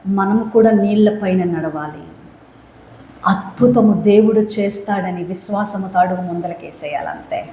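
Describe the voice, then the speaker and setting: A woman preaches a fervent sermon in a high voice at a slow, deliberate pace. She stresses and repeats her phrases for emphasis. The sound rings with room echo. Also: darkish tone, slight background noise.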